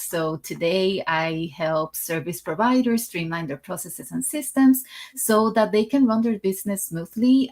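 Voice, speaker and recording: A woman from Puerto Rico, a guest in an interview, explaining calmly and clearly. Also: on the low side.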